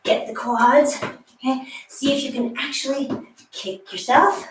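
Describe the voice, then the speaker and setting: A woman's voice: high voice, fairly even intonation, measured pace, a little hiss or hum. A woman leading a live workout from a basement, her voice echoing in the room. She is chatty, calling out moves between asides. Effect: echoey room sound. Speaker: fitness instructor. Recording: echoey basement room, voice far from mic.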